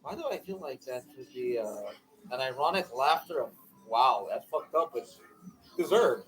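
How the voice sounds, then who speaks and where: A man's voice: medium pitch, lively intonation, moderate pace, fairly bright tone, faint music behind, low-quality recording. A man co-hosting a casual chat podcast, talking in earnest, rambling runs and steering the topics. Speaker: podcast co-host.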